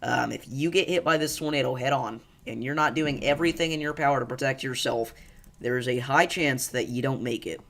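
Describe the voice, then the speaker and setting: A man hosting live severe weather coverage, speaking with urgent, emphatic and repeated pleas in a halting, distressed delivery. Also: medium pitch, gravelly, a bit bright. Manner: urgent, emphatic, repetitive pleading warnings. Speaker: live storm coverage host.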